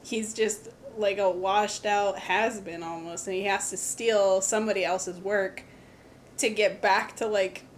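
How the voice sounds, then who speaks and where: A woman's voice: medium pitch, fairly even intonation, measured pace, a little hiss or hum. A woman co-hosting a podcast in casual chat, blunt and profane with sarcastic asides. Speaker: podcast co-host.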